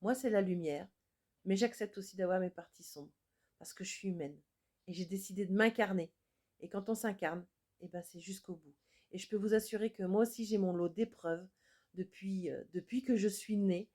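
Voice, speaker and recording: A woman's voice: medium pitch, normal speed, mellow. A woman working as an energy healer, speaking to viewers in an earnest, reflective improvised monologue. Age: adult with children.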